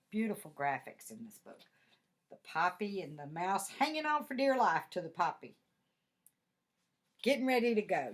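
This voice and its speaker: Unhurried, expressive grandmotherly older woman. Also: mid-range voice. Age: 60s or older. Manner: grandmotherly, expressive, repeats admiring words. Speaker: grandmother reading aloud to children. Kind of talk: read-aloud storytime with chatty asides. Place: office.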